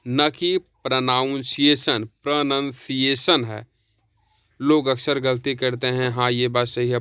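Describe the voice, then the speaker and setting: A man teaching pronunciation, who addresses viewers as friends and reads English sentences slowly, word by word. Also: mid-range voice, a bit bright, smooth, no echo. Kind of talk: spoken pronunciation lesson.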